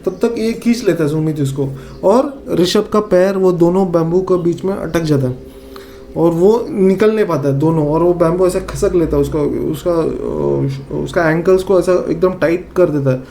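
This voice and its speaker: Guy w northeast indian accent telling a scary story, kinda high voice, mellow tone, faint hiss behind. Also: moderate pace, vocal fry. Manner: animated, acts out friends' lines, many fillers and repeats. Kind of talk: casual spoken horror storytelling.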